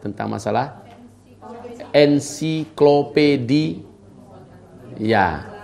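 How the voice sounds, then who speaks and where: A man's voice: mid-range voice, vocal fry, a little mellow. Guy preaching casually, mid-aged, chatting with the ladies in the crowd. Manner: chatty, addresses women in the audience directly. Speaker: Islamic preacher. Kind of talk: informal religious lecture with audience questions.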